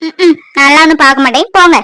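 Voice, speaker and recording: A young woman voicing a playful, lovesick village girl in a cartoon, teasing and coaxing, quick to sulk. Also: high voice, fairly even intonation, bright, forceful tone, no room sound. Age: young adult. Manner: teasing, coaxing, sulks easily.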